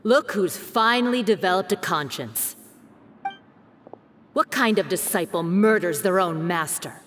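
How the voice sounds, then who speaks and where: A woman's voice: on the low side, lively intonation, measured pace, a bit bright, a little hiss or hum. A woman voicing a stern, scornful enforcer in a video game, cutting and sardonic.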